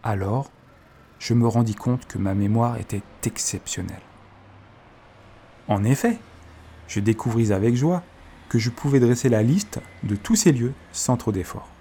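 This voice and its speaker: A man narrating a storybook in first person, reading softly and expressively. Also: medium pitch, unhurried, long pauses, a little hiss or hum. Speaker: audiobook narrator.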